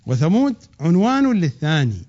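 A man giving a religious lecture, swinging from loud drawn-out emphasis to quick low asides. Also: sing-song. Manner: rising to emphatic peaks, then dropping low and rushing; draws out key words slowly. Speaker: preacher. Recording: dull lo-fi recording.

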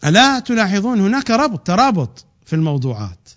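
A man giving a religious lecture, swinging from loud drawn-out emphasis to quick low asides. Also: sing-song. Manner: rising to emphatic peaks, then dropping low and rushing; draws out key words slowly. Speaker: preacher. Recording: dull lo-fi recording.

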